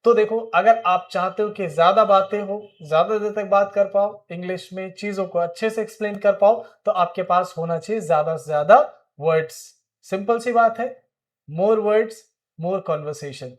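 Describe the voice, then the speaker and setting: High-voiced Indian English teacher. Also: male voice, normal speed. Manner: explains words in Hindi, checks in with "ठीक है?". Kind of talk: spoken English lesson.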